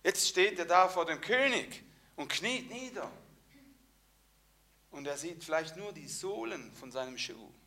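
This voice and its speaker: A man preaching a sermon, telling the story vividly, moving between hushed and emphatic passages. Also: fairly high pitch, animated, unhurried, long pauses.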